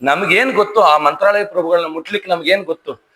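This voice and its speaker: A male preacher retells a sacred story in an animated, chatty way. His voice sits high and has a bright, forceful edge. He speaks like a storyteller holding a devotional audience. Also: quick pace, rough recording. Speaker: religious discourse speaker.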